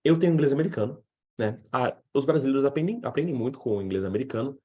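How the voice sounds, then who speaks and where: A man's voice: mid-range voice, fast talker, slightly rough, muffled recording. A man with a Brazilian Portuguese accent, teaching an English lesson in a live online class and acting out his students' questions. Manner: animated, acts out student questions.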